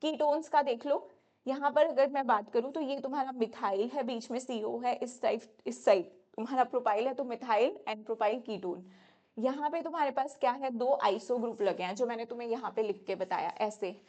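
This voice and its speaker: A woman's voice: on the high side, moderate pace, a little mellow, highs cut off. A young woman teaches chemistry for exam prep. She talks to her students in a chatty, familiar way and corrects herself as she goes. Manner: chatty, addresses students as "beta", self-correcting. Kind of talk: exam-prep lecture at a whiteboard.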